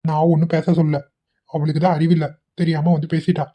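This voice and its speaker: Woman doing a gruff young cartoon husband. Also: sits low, level tone, fairly quick, warm tone. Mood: irritated. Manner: curt, scolding. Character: young husband, blunt and short-tempered.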